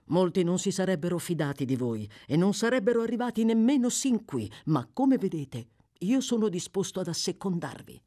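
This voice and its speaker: Calm old gentleman, formal and measured, low voice, read by a woman. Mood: grave.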